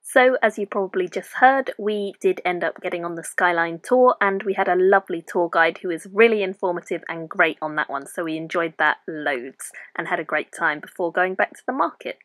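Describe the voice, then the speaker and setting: A woman's voice: on the low side, fairly quick, few pauses, a bit bright. A young woman in her twenties, vlogging casually and enthusiastically about books and bookshops, chatting in a rambling way. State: tipsy. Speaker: book vlogger. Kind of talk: casual vlog chat. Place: indoors at night.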